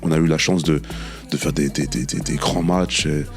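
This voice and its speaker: A former professional footballer chatting as a guest, telling animated anecdotes and repeating himself often. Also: male voice, extremely low pitch, moderate pace, soft background music. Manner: animated anecdotes with many repetitions and "tu vois". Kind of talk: casual storytelling interview.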